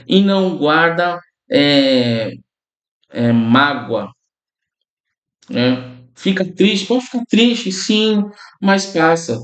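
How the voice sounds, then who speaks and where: Echoey high-voiced preaching pastor. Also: male voice. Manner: conversational preaching, often addresses listeners as brothers and tags lines with "né?". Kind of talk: sermon.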